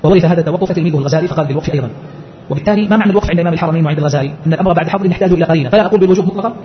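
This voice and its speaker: A man's voice: on the high side, racing, a little hiss or hum. A man teaching and explaining a scholarly text, posing rhetorical questions as he goes. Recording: muffled lo-fi lecture recording.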